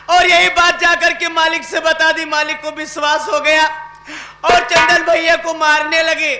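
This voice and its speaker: A man playing a poor young housemaid in a folk stage play, speaking with a tinge in a weepy, lamenting way. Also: extremely high pitch. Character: poor young housemaid woman, tearful and pleading. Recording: roomy stage sound with loud music.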